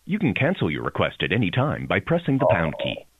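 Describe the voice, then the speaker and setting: Brief: male automated phone system voice, spliced-together prompts, pitch leaps wildly from word to word, tinny phone line. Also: wildly swooping pitch, brisk, soft background music. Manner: stilted, jumps in pitch between spliced words. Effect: prerecorded phone prompts with spliced together words. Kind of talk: automated phone menu announcements.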